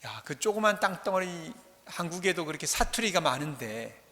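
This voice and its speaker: Priest preaching with bright church echo. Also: male voice, a little high, sing-song, normal speed. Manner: conversational, joking, asks the congregation questions. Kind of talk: sermon. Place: large church. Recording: church hall reverb.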